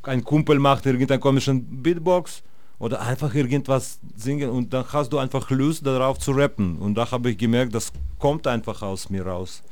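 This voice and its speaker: A man from Russia, a native Russian speaker, is the guest musician in a casual interview, talking in a rambling way with lots of fillers and restarts. He has a medium-pitched, darkish voice at normal speed, and the recording is dry.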